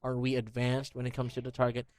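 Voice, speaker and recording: A man's voice: medium pitch, completely flat delivery, fast talker, a little mellow. A man teaching English one-on-one over a video call. He patiently explains new vocabulary with everyday examples and leans on "you know" as he talks. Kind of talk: online one-on-one English lesson.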